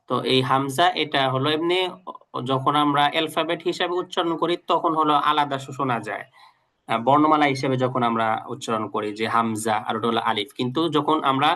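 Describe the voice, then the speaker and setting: A man's voice: a little high, bright, forceful tone. Patient man teaching letter sounds. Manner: patient, repeats letter sounds slowly for students. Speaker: Quran teacher. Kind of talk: online class lesson.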